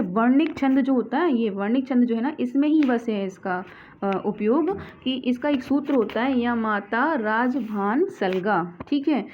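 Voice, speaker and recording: A woman teaching Hindi grammar who asks her class questions and then answers them herself, often repeating "ठीक है". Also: on the high side. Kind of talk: classroom explanation. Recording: slightly dull audio with faint background noise.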